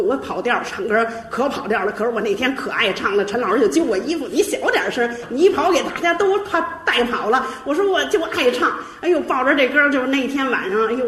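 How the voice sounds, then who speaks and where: A middle-aged woman giving a lively personal testimony, chuckling as she tells it. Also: a little high, reverberant. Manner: lively storytelling, chuckling often.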